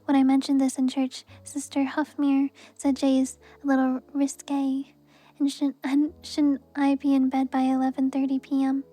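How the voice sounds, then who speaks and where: Soft high-voiced woman reading aloud. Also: normal speed, faint music behind. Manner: soft, even reading voice with brief laughs at the text. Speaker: streamer reading a book aloud.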